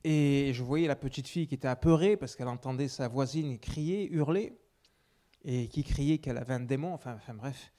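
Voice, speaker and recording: A man preaching, telling a personal testimony with many restarts, swinging between loud emphasis and hushed asides. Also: medium pitch, moderate pace.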